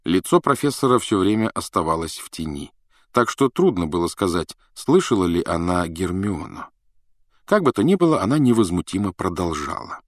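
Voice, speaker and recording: Low-voiced male audiobook narrator. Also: very animated, moderate pace, no echo, studio quality. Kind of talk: scripted narration.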